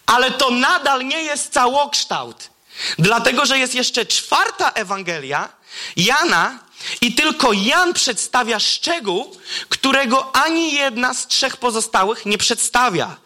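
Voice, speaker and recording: A man preaching a sermon, reading scripture aloud and swinging between excited exclamations and hushed, low emphasis. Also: unhurried.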